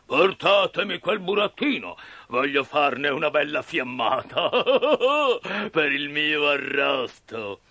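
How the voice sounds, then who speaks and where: A man voicing a huge bearded puppet master, gruff and booming, talking slowly. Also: sharp tone, dry recording, full character voice. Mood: thundering. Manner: booming, slow, growling.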